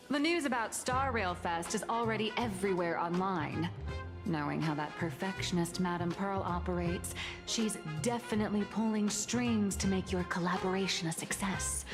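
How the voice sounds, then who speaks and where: A woman plays a smug, scheming Furbo boss in a game cutscene, all theatrical self-regard. Her voice trails off in a long reverb, and clear game music runs under her lines. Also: lowish voice, natural voice.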